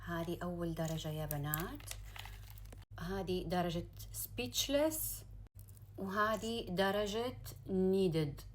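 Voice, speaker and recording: A woman with a Gulf Arabic accent chatting casually to viewers as a beauty vlogger, gushing and excitable, mixing in English words. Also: on the low side, a little hiss or hum. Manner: excitable, gushing, drawn-out exclamations; sprinkles in English words and phrases. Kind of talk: casual unboxing chat to viewers.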